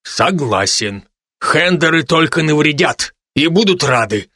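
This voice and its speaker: A woman's voice: sits low, animated, a little slow, fairly bright tone, no echo, pitched below the performer's own voice, heavily acted. A woman voicing a stern, officious male investigator. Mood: curt dismissive.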